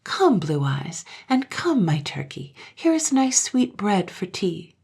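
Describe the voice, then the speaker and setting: Woman as a loving mother, gentle, coaxing, husky, expressive pitch, storybook character. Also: slow, full character voice. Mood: tender, coaxing. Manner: tender, coaxing. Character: loving, gentle, concerned mother of small children.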